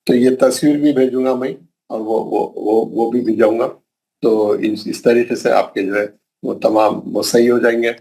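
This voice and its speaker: A man's voice: medium pitch, steady tone, warm tone. A middle-aged man with a Hyderabadi Urdu accent teaching Quran pronunciation in an online class, patiently repeating letters and correcting students. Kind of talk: online tajweed lesson, slow drilled recitation. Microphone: online class call.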